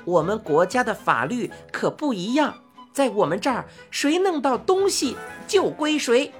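A woman's voice: fairly high pitch, big pitch swings, normal speed, faint music behind. A woman voicing a tiny, cocky male creature in a storybook, with a thin, piercing voice and a snickering, bossy way of talking. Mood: mocking.

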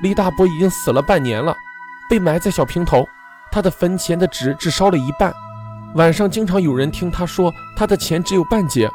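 A frightened young sister from a spoken ghost story, her voice choked with tears as she pleads and accuses, voiced by a man who raises his pitch. Her lines rise and fall sharply with fear and grief, over background music. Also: lively intonation, fairly quick, darkish tone. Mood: fearful.

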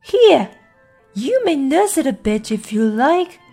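A woman voicing a loud, bossy noblewoman with a hoarse growl, speaking slowly. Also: sits high, big pitch swings, faint music behind, pitched above the performer's own voice, full character voice. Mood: brusque. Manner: slow, loud, shouting.

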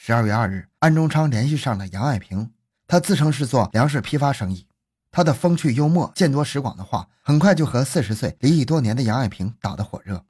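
A man tells a true-crime story in dramatic, scripted narration. His husky voice rises and falls in a lively way. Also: mid-range voice, fairly quick.

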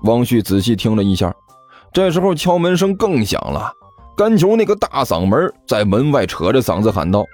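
A man narrating a comic story audiobook in a lively, expressive way. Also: mid-range voice, moderate pace, no room sound, soft background music.

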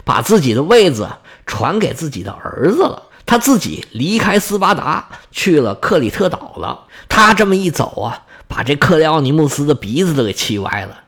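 Lively male history storyteller. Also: a little high, moderate pace, few pauses. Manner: lively, colloquial, joking asides.

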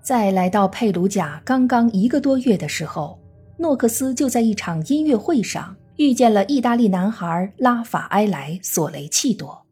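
A woman true crime narrator reading a scripted case story in a measured storytelling manner. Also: mid-range voice, expressive, dark tone, breathy edge. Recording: faint music under the voice. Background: faint background music.

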